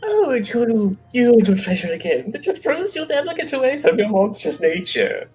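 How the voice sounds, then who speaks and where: A woman voicing a haughty, mean princess in a video game, with a regal, imperious, drawn-out delivery. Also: on the high side, sing-song, darkish tone, soft background music. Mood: mocking, haughty. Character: haughty, mean, beautiful human princess, spiteful and taunting. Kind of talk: game character voice-over, playful live read.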